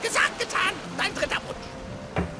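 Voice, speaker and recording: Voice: a little slow, lightly acted. An actor playing a small, mischievous and grumpy male leprechaun in a video game, theatrical and taunting. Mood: gleeful. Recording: loud game ambience noise.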